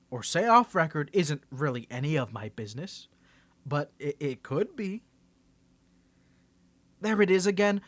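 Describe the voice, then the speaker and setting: Fairly high-pitched and a bit bright, a man's voice plays a cocky young superhero with a secret identity in an ASMR roleplay. He stammers and teases, wavering between confidence and nerves, on a dry recording.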